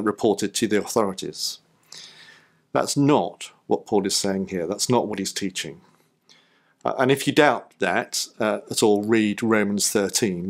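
Emphatic preacher, rhetorical questions. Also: male voice. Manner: emphatic, rhetorical questions, swings pitch up sharply. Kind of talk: sermon. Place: church.

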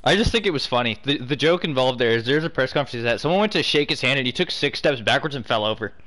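A man's voice: mid-range voice, lively intonation, fast, fairly bright tone. A young man in casual gaming chat, trading crude, sweary banter. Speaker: online hockey game player.

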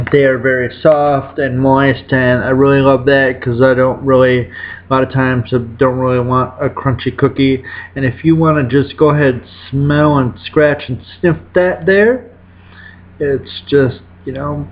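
A man's voice: mid-range voice, steady tone, unhurried. A man in his thirties chatting casually while reviewing snacks at home, rambling and correcting himself, recorded on a webcam indoors. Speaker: food reviewer. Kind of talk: casual food review vlog. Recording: dull lo-fi webcam audio.

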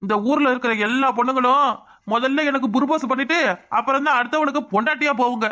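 A man voicing a hot-headed, dark-skinned young village man in a cartoon, boastful and quarrelsome, with a Kanyakumari Tamil accent. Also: very high-pitched, fairly even intonation, fast talker. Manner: boastful, quarrelsome, repeats words. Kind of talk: cartoon voice acting.

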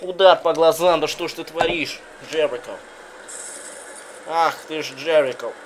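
A man calling a wrestling video game like an excitable commentator, in short bursts full of exclamations. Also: a little high, unhurried, noisy background. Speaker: gaming commentator.

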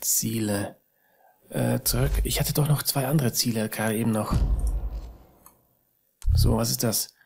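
A man's voice: medium pitch, measured pace, vocal fry, pauses often, husky. A man playing a video game and commenting casually, muttering to himself with fretful sighs. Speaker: let's player. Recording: audible background noise.

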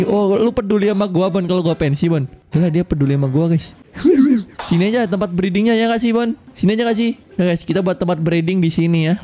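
A young man with giving loud, swearing, jumpy Minecraft commentary and teasing his co-player. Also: high voice. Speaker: gaming YouTuber. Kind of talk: excited casual Minecraft commentary.

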